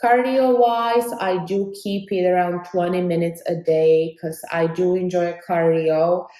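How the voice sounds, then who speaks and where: A young woman from Slovakia speaks to her vlog audience in Slovak-accented English. Her pitch sits slightly low and she takes her time over each phrase. The delivery is earnest and measured, a casual catch-up with viewers. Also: steady tone, warm tone, poor audio. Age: 20s. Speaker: fitness vlogger. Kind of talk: casual vlog talk to camera.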